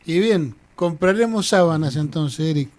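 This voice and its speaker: A man's voice: fairly high pitch, expressive, normal speed, darkish tone. Courteous male interview host. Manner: courteous and effusive in thanks. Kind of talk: interview hosting.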